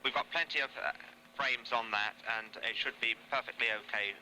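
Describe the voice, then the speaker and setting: A man with a very sharp, bright tone talks over a space mission radio link with faint noise. He is a ground scientist, politely and hesitantly advising the crew. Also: mid-range voice, a little fast. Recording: distant, hissy radio link.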